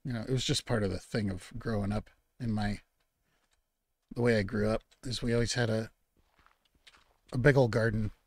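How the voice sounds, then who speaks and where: A man with a lowish, fairly even voice talks at a normal speed with long pauses, recorded with no room sound. Hosting his own gaming channel, he rambles easily to himself about the game in relaxed let's-play commentary, now and then scolding the game's animals in mock outrage.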